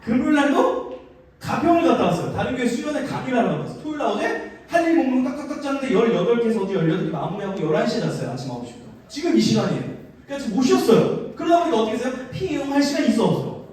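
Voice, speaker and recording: Male youth pastor, 30s, animated sermon style, roomy reverberant hall sound, mic set back. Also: very high voice, racing. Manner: animated, acts out voices and leads call-and-response. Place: church hall, live service. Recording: very echoey hall, mic from a distance.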